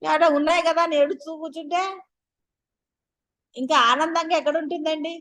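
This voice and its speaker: A woman's voice: sits high, steady tone, fairly quick, fairly bright tone. A woman giving a spiritual discourse as a teacher, talking straight to her listeners and firing off rhetorical questions in a chatty, coaxing way. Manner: addresses listeners directly.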